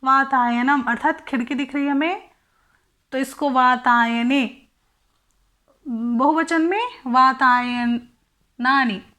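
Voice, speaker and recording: A woman with a high, light voice walks slowly through a Sanskrit lesson, reciting word forms one by one. She talks at an unhurried pace, asks questions aloud and answers them herself, in a patient classroom manner. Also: steady tone, bright, forceful tone. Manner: methodical, recites word forms one by one and explains each in Hindi. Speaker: Sanskrit teacher. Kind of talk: exam-prep textbook lesson.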